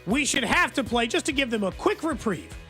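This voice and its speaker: A man co-hosting sports radio with animated, casual banter. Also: extremely high pitch, a little fast, faint music behind.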